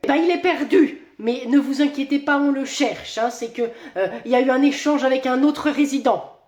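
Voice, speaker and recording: Woman sketch performer, high voice, chatty. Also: moderate pace, a little mellow, roomy sound. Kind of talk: comedy sketch acting.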